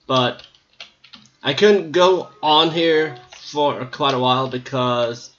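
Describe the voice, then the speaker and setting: A man's voice: mid-range voice, fairly even intonation, slow pace, fairly bright tone, lo-fi sound. A man giving casual, rambling gameplay commentary with a slightly scratchy voice, hesitating often with ums. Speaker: gameplay video maker.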